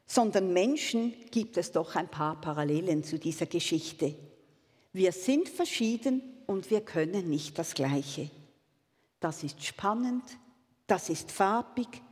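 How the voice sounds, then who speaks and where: A woman giving a calm, gentle sermon built around a read-aloud story. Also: medium pitch, breathy edge, long reverb tail. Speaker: preacher.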